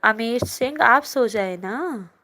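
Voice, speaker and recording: A woman's voice: a little high, animated, takes it slowly, pushed and bright. Chatty woman teacher on a phone live class. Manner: chatty, teasing, reads comments aloud. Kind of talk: live online class, reading chat comments.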